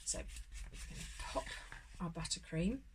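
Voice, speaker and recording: A woman's voice: fairly low pitch, lively intonation, normal speed, background noise. A woman presenting a casual home baking tutorial, chatting and encouraging as she works through each step. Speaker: home baker demonstrating a recipe.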